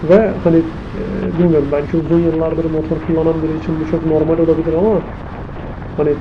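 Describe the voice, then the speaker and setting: A man's voice: a little high, level tone, fast talker. A man chatting casually and thinking aloud as he rides a motorcycle, his voice muffled inside a helmet. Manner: thinking aloud, commenting on the traffic. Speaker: motorcycle vlogger. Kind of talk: casual chat while riding. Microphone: microphone inside the helmet. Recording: muffled helmet mic, loud wind and engine noise. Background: wind, engine and traffic noise.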